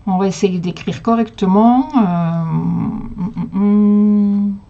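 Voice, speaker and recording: A woman's voice: medium pitch, fairly even intonation, slow, creaky, mellow, dull audio. A woman casually hosting a live crafting demonstration from home, chatting with viewers as she works. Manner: chatty, answers viewer comments and talks to her dog. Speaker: host of a live crafting stream.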